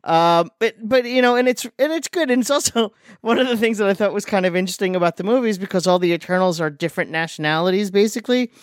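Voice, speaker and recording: A man's voice: high voice, fast, hardly any pauses, no room sound, clean studio sound. A man co-hosting a podcast in casual chat, talking in a chatty, hesitant way with many restarts. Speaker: podcast co-host.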